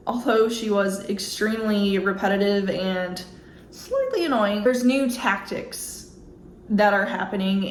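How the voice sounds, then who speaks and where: A woman's voice: medium pitch, a little hiss or hum. Woman recorded on a phone, echoey room. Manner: wry, skeptical, chatty. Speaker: YouTube commentator reacting to a clip. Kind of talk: casual reaction commentary. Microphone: phone mic.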